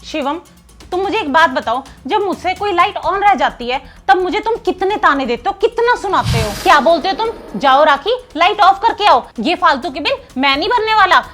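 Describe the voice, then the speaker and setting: A woman's voice: very high voice, lively intonation, moderate pace, a bit bright, faint music behind. A woman acting a bossy wealthy house mistress who scolds and taunts in a short drama skit. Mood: arguing. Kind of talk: scripted Hindi skit acting.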